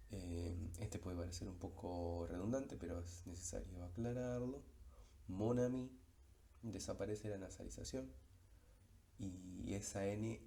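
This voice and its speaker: A man gives a recorded lesson in a low, warm voice. He explains each example patiently and says the key words slowly. His delivery is unhurried, with frequent pauses and small fillers. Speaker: French teacher.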